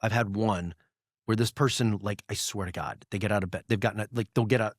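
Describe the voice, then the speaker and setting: A man's voice: fairly low pitch, fairly even intonation, brisk, no room sound, clean studio sound. A man hosting a podcast in casual talk, blunt and emphatic, with frequent swearing. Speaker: podcast host, business owner. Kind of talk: casual conversation.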